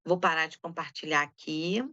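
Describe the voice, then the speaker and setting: A woman lecturer giving an informal online academic talk on interview research, talking quickly with many fillers. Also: low voice, fairly even intonation, pushed and bright, dry recording, dull audio. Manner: fast, informal, full of fillers.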